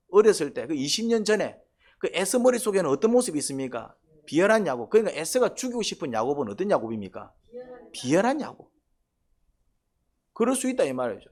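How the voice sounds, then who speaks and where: A man's voice: on the high side, darkish tone. A male pastor preaching a sermon in a conversational way, asking questions and answering them himself, and sometimes acting out quoted voices.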